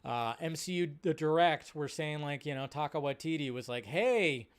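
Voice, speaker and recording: The man hosting this livestream has a clean voice on the high side, expressive and at a moderate pace. Speaking off the cuff, he goes through viewer questions and replies, rambling and circling back to the same phrases.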